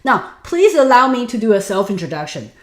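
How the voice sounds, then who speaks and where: In an echoey room, this thirties-aged presenter from Taiwan speaks a little fast in a voice on the high side. Animated and earnest, she walks through online selling in a business webinar, her Mandarin-native Taiwanese accent audible, and prompts the audience to reply in the chat.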